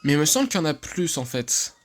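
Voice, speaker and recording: A man from France giving excitable, chatty let's-play commentary, laughing often and swearing casually. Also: fairly high pitch, quick pace, faint music behind. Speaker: gaming YouTuber.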